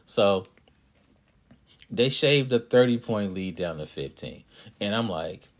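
A man who hosts a podcast and coaches youth basketball, telling a story in a casual, animated way and speaking straight to his listeners. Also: lowish voice. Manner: animated, talks to listeners directly.

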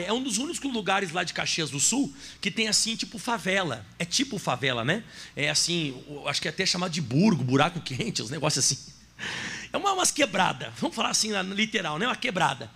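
A man's voice: sits high, creaky, pushed and bright, slightly rough. A man preaching a sermon as pastor, telling a story and speaking directly to his congregation.

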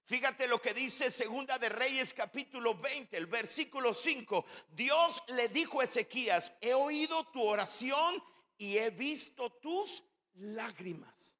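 A man preaches a sermon in a church, his voice very high and bright. He talks at a slow, deliberate pace and turns often to address the congregation directly. A long reverb hangs on his words. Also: expressive. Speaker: pastor.

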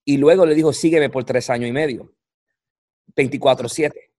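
Preacher, dry close sound. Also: male voice, medium pitch, darkish tone, no echo. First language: English. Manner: halting, searching for words, repeating for emphasis. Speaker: pastor, guest. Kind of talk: conversational preaching on scripture.

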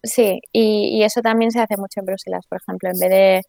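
Woman guest, bit of vocal fry, talks on and on w restarts, dry close sound. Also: mid-range voice, level tone, brisk, mellow, no echo. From Spain. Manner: explains at length with frequent restarts and tag questions. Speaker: interview guest, economist and author. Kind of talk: conversational interview.

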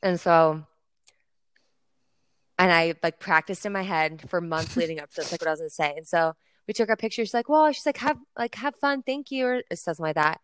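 Chatty young woman, smooth dry voice. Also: on the low side, a little fast, a bit bright, no room sound. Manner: chatty, filler-heavy storytelling. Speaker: podcast co-host. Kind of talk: casual chat.

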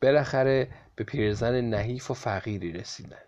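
A man reads a folk tale aloud in a calm, steady way. His voice sits at a middling pitch. The recording has a slightly dull, lo-fi quality. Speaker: narrator. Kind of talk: storybook narration.

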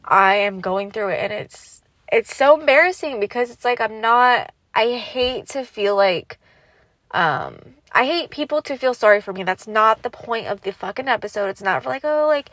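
A woman's voice: mid-range voice, fairly bright tone, no room sound. Young woman venting on her podcast, swears a lot, says like and um constantly, dry close sound. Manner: blunt, heavy swearing, lots of fillers; raw, vulnerable, holding back tears. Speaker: podcast host. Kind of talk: candid solo podcast monologue.

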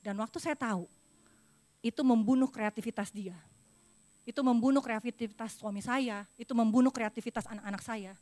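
A middle-aged woman preaching a confessional sermon from a church pulpit, moving between loud emphasis and hushed apology. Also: fairly high pitch, a little fast.

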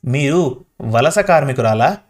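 A man reading the lines of a young woman reporter who asks soft, soothing questions in a storybook. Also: mid-range voice, animated, measured pace, lightly acted. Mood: gentle.

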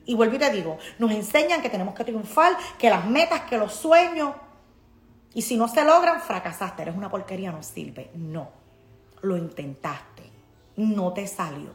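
A woman's voice: mid-range voice, lively intonation, moderate pace, echoey room, faint music behind. A woman with a Puerto Rican accent hosting a casual live stream, talking emphatically and reading out viewer comments. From Puerto Rico. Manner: emphatic, preachy, motivational.

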